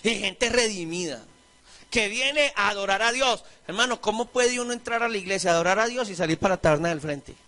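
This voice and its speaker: Man, Colombian accent, pastor, high-pitched, animated sermon, mimics voices. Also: fairly quick. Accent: Colombian Spanish. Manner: animated preaching, acts out voices of churchgoers and disciples.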